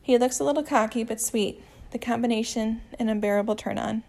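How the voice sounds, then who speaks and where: A woman reading a romance story aloud, with a gentle, even storytelling manner and small voice changes for the dialogue. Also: on the high side, brisk, gravelly. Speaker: audiobook narrator.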